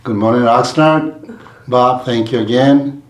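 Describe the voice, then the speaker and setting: A man from Mexico, a community leader, tells his life story at an easy, wandering pace, full of restarts and fillers. His voice sits in a middle pitch. The sound bounces around a roomy, echoey space. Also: unhurried. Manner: rambling, warm storytelling with frequent restarts and fillers. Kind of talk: casual interview storytelling.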